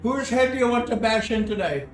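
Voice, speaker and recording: Man putting on a high-pitched frail old lady. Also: a little fast, reverberant, distant mic, faint music behind. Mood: feisty. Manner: hard of hearing, demanding people speak up. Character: frail old lady shopkeeper with walking stick, cheerfully violent.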